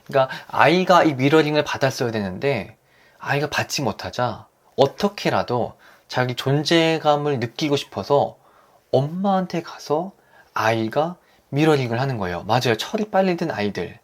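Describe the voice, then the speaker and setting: Gentle earnest man leading a lesson. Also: medium pitch, expressive, moderate pace. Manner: gentle, earnest, asks the audience questions. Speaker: host leading a couples' reading session. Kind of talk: live online lecture to couples.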